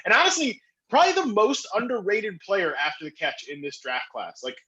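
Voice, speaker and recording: Over muffled audio, a high-voiced man gushes as a guest fantasy football analyst on a podcast. He talks quickly and excitably, peppering his speech with fillers and restarts.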